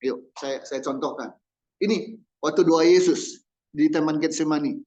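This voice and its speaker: A man preaching a sermon as a pastor, animated and jokey, often mimicking loud, demanding prayers. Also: a little high, normal speed.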